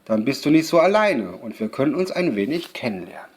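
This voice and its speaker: A man voicing a curious old woman neighbor who seems like a witch, in a dark, rough voice. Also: medium pitch, sing-song, fairly quick. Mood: friendly.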